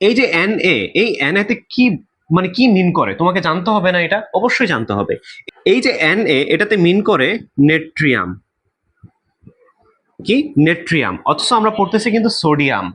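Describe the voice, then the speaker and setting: A man's voice: sits high, big pitch swings, brisk, a bit bright. A man with a Bangladeshi Bengali accent teaching an exam-prep chemistry lesson, posing questions and answering them himself, repeating key terms for emphasis.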